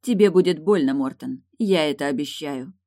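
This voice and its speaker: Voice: mid-range voice, moderate pace, dark tone, no echo, natural voice. A cutting, mocking woman who leans on a cane and never backs down, voiced by an audiobook reader. She talks with biting scorn, her lines lifted a bit above the reader's own voice. The recording is dry and close. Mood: cold. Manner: mocking, bitter. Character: sharp-tongued woman on a cane. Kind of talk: audiobook character voice.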